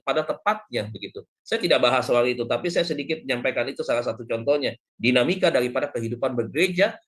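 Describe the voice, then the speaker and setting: A man, a pastor, giving a devotional sermon in a conversational preaching style with frequent asides. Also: medium pitch.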